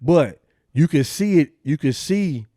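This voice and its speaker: A man in casual sports talk, his voice dark and mellow. He rambles in a relaxed way, doubling up words before landing his point. The sound is dry and close, with no room around it. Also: fairly high pitch, unhurried, no room sound. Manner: rambling, repeats words, laid-back. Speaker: podcast co-host.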